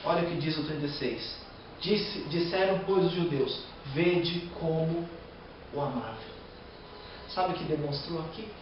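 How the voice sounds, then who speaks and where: Preacher in a distant echoey hall. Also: male voice, a little high, unhurried, lo-fi sound, background noise. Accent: Brazilian Portuguese. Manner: reads scripture then preaches with emotional outbursts. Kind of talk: sermon.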